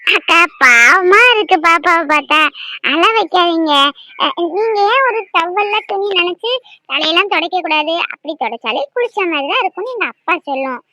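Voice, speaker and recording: Sweet naive cartoon girl, very high, bright, innocent questions. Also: expressive, normal speed, dry recording, heavily acted. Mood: curious. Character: naive young girl helper, sweet and curious.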